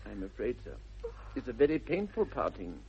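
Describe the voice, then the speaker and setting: A man playing a charming, flippant young upper-class English gentleman with an airy theatrical manner in a radio comedy. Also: medium pitch, big pitch swings, moderate pace, slightly rough, full character voice. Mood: romantic. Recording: dull 1960s radio recording.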